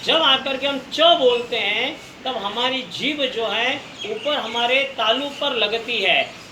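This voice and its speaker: A man teaching a recorded language lesson, patiently repeating each sound for listeners to try. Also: very high-pitched. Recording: echoey room, faint background noise.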